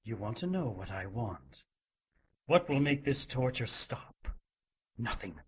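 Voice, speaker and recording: A cruel male cleric, acted by a man, speaks slowly and coldly with a husky edge. His menace is measured rather than loud, and his pitch sits in an ordinary male range. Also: sing-song, exaggerated voice. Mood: stern. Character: cruel, stern male cleric interrogating a demon. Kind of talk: audio drama acting.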